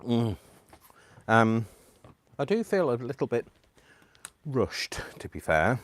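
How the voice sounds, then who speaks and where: A British man from the United Kingdom hosts a live crafting stream, rambling casually to viewers. His medium-pitched voice is sing-song and slow, full of ums, small laughs and self-deprecating asides.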